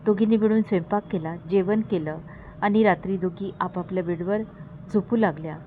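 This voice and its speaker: A woman narrating her own horror story, acting out the characters' lines with a lifted voice. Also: normal speed. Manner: acts out characters' lines with raised pitch. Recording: phone-like audio with faint noise.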